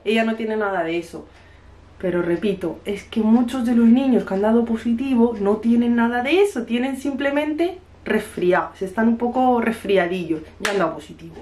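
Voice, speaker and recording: A woman's voice: on the high side, lively intonation, normal speed, a little mellow. A woman from Spain in her thirties, a mother vlogging casually at home, telling a story and acting out the dialogue, with a cough from a cold. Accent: Spanish from Spain. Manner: chatty storytelling, acts out the dialogue. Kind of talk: casual chat to camera. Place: home kitchen.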